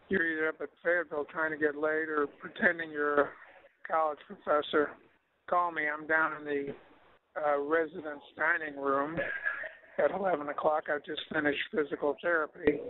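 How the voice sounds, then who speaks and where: Over a tinny phone line, an older man leaves casual voicemails full of sardonic wisecracks and grumbling. His voice is fairly high-pitched, and there is background noise.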